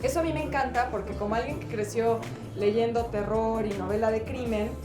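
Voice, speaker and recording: Mexican woman host, chatty and slangy, a bit high, echoey room, music playing. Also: steady tone, fairly quick. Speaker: host presenting the book. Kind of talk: casual interview.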